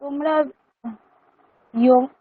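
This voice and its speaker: A woman student giving halting answers in an online class, her audio choppy and cutting out over a poor connection. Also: sits high, fairly even intonation. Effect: choppy connection, audio breaking up and cutting out. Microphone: computer or phone mic on a video call. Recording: tinny phone-like online call.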